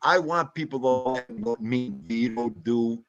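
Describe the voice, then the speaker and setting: A man's voice: medium pitch, normal speed, fairly bright tone, dry recording, highs cut off, faint music behind. Emphatic man, close and dry sound. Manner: emphatic, repetitive, plain-spoken. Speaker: livestream panelist. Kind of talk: casual chat.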